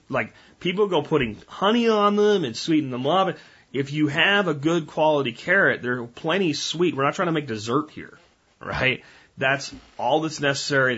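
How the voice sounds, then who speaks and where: Male podcast host, casual rambling monologue, bright edge with a husky grain. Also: mid-range voice, lo-fi sound. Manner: folksy, rambling, addresses listeners as guys.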